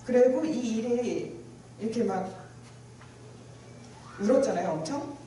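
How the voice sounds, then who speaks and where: A woman's voice: fairly high pitch, lively intonation, a little slow, dark tone, distant mic, slight background noise. Woman testifying in an echoey church hall. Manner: emotional, vivid storytelling that acts out her own past words. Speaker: speaker giving a testimony. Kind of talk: personal testimony at a church retreat.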